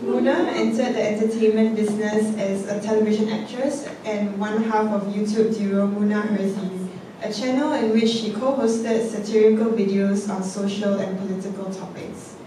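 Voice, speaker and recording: On a theatre stage, a Singaporean woman emcee with a medium-pitched voice reads panel speakers' bios from her notes, measured and steady with the odd um. Her handheld mic is heard from a distance in an echoey, noisy hall.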